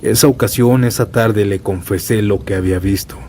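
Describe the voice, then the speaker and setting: A man with a fairly low voice, speaking at a normal speed, narrates scripted first-person horror stories. He takes a solemn, dramatic storyteller's tone. Steady rain and thunder from a rainstorm run beneath the recording.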